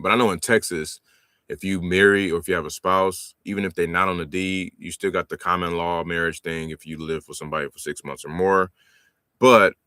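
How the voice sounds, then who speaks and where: A man's voice: deep voice, bright, forceful tone, dry recording, studio quality. A man in his forties hosting a live stream about real estate wholesaling, talking in a laid-back, slangy way and laughing often. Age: 40s. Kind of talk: live-stream sales calls and commentary.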